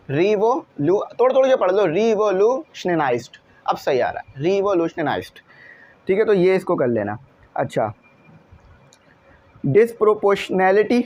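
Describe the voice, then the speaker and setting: High-voiced male teacher drilling words. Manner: patient, repeats each word slowly to drill pronunciation. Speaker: English teacher. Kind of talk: classroom lesson walkthrough.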